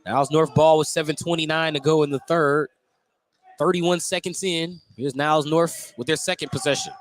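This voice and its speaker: Doing live radio play-by-play in a school gym, an American man describes a basketball game at normal speed in a fairly high, steady-toned voice. Gym noise and bouncing balls fill the noisy broadcast.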